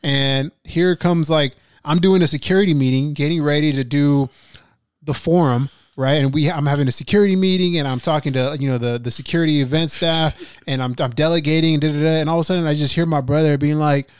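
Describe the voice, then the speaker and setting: A young man in relaxed, casual podcast chat, swearing freely and restarting his sentences. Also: a little high, a little fast, smooth, dry recording, clean studio sound. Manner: laid-back, swears casually, trails into restarts.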